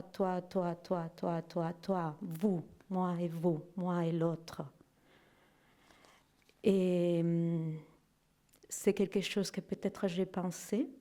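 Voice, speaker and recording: A middle-aged woman with a Spanish accent, a native Spanish speaker, giving a personal testimony to an audience, slow and hesitant, searching for her words. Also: medium pitch, warm tone. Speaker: guest speaker.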